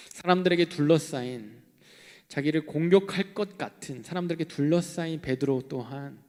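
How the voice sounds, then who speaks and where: A young man preaching a sermon in an animated way, swinging between loud outbursts and hushed asides. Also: medium pitch. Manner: animated, acting out quoted voices, shifting between loud and hushed. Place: church hall. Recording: long hall reverb.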